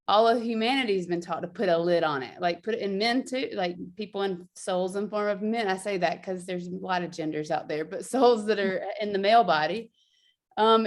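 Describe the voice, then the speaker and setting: Woman guest explaining a practice; chatty, laughing, filler-heavy delivery. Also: lowish voice. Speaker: guest teacher. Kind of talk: casual explanatory chat.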